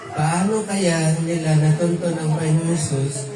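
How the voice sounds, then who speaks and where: A man's voice: a little high, fairly even intonation, a little slow, music in the background. A man teaching a verse-by-verse Bible study, quizzing his listeners with light laughs and mixing in English phrases. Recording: echoey room, mic far off, noisy.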